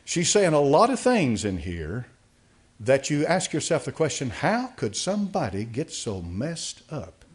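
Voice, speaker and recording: Older man, pastor, sermon, church sanctuary, podium mic, halting with fillers. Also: medium pitch, wildly swooping pitch. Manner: halting, with many fillers and restarts. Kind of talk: sermon, reading aloud and commenting.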